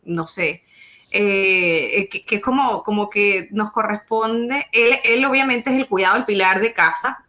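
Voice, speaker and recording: Woman, interview guest, halting, frequent restarts, mid pitch. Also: bright, forceful tone. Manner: halting, many restarts and repeated words. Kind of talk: emotional testimony in conversation.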